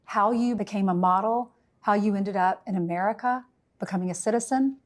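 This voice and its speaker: A woman's voice: mid-range voice, brisk. A woman television interviewer narrating a promo and asking questions in polished broadcast style. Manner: polished, emphatic promo delivery.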